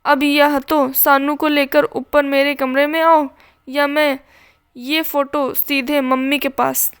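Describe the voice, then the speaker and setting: A woman's voice: high-pitched, little pitch movement, slow pace, a bit bright, heavily acted. A woman voicing a mischievous younger sister in a storybook reading, who speaks in a coaxing, teasing way.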